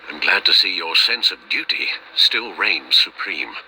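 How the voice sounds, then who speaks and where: A man playing a loyal, grieving elderly guardian in a video game, with a formal, solemn and measured delivery. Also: low voice, animated, background noise. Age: older. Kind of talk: video game dramatic acting.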